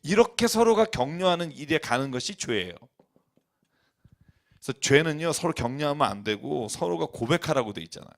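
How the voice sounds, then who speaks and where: A male pastor preaches with fervor, his voice riding a little higher than most men's. He talks bluntly and colloquially, rising to loud, emphatic peaks and then dropping to quiet, low asides. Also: animated, a little fast, gravelly. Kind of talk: sermon. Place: church.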